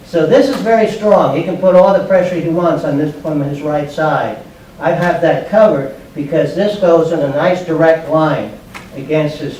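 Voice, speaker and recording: With a fairly high pitch and a darkish tone, a judo instructor in his sixties or so delivers an instructional martial arts demo in short, plain, step-by-step phrases. He's in a large, bare, padded indoor room, and the distant camera mic yields an echoey recording with background noise.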